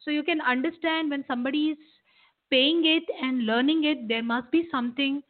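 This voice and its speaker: A woman's voice: high voice, fairly quick. A woman with an Indian accent explaining as a meditation teacher, repeating phrases for emphasis. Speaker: meditation teacher and guest expert. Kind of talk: explanatory interview talk, guiding meditation. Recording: tinny, narrow phone-line sound.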